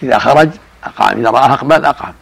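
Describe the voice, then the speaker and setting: An older man, a religious scholar, answering questions in a measured, explanatory way. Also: mid-range voice, gravelly, a bit bright. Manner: measured, explanatory, chants call-to-prayer examples.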